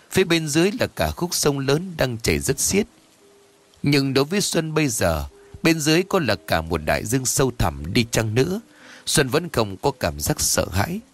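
A man narrating a ghost story in a lively, expressive storytelling manner. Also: mid-range voice.

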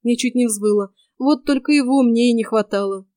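Female audiobook narrator, lively expressive read, bright-ish voice, dry close studio sound. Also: fairly high pitch, normal speed, dry recording. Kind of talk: first-person audiobook narration.

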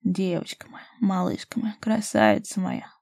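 A woman doing a gruff, loving major. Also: fast talker, dark tone, dry recording, studio quality. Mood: tender whisper. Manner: husky low whispers, mock grumbling.

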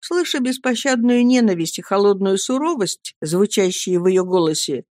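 A woman reading a classic novel aloud in a measured, expressive narration. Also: medium pitch, no echo, studio quality. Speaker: audiobook reader. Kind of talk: scripted narration.

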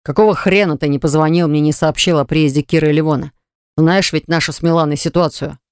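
A woman's voice: deep voice, steady tone, fast, smooth, dry recording, clean studio sound, natural voice. A woman narrator voicing a grown man, an eldest brother, who answers tersely and defensively. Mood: irritated. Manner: terse, sighing.

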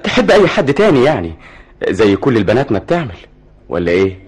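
A man's voice: mid-range voice, huge pitch swings, quick pace, darkish tone, a little hiss or hum. An actor with an Egyptian accent playing a nervous, evasive brother who snaps at his sister in a radio drama. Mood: tense. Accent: Egyptian Arabic. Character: tense jealous young brother, evasive and edgy.

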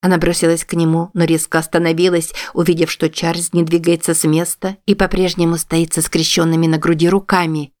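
A woman narrating an audiobook in a steady, even storytelling manner. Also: fairly low pitch, brisk, hardly any pauses, no room sound, clean studio sound. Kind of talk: scripted narration.

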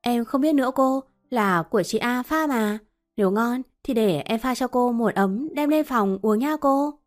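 A quick young maid girl, as a woman reader puts her on, high and eager, rushing her words. Her voice lifts well above the narrator's, over soft music. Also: natural voice.

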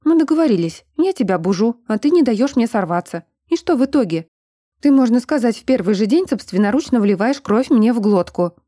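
A woman playing a prickly young vampire woman, quick to snap back and sharp-tongued. Her tone is mellow and low in brightness, read close and dry. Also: no room sound, close to an everyday voice. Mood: indignant. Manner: indignant, sharp.

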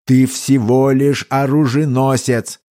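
Male reader playing a gruff audiobook captain, drawling orders, stern with a dry edge. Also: medium pitch, flat delivery, dark tone, close to an everyday voice. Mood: stern, mocking. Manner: slow, drawling, commanding. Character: mustached army captain, stern but amused, older man.

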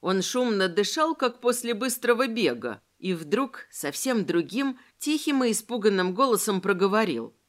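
In scripted audiobook narration, a mid-range female voice unfolds the story with steady pacing and expressive delivery.

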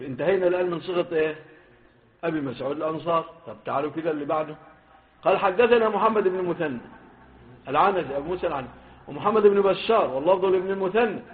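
A man with an Egyptian Arabic accent teaching a hadith lesson, stressing the quoted wordings and putting questions to his students. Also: high voice. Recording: phone-like lo-fi recording.

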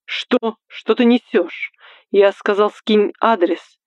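A woman's voice: mid-range voice, slow, darkish tone, no echo, lo-fi sound, natural voice. A woman reading the part of a selfish, controlling young man who commands and threatens his girlfriend. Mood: demanding. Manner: commanding and menacing, turns coaxing.

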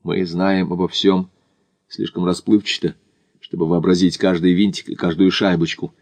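A tired, irritable traveler in an audiobook, voiced by a man, speaking low and clipped. The deep tone stays subdued, with little lift, in a dry close recording. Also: level tone, moderate pace, a little mellow, no echo. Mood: wry. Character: Macdonald, weary, irritable male traveler. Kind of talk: audiobook character voice.

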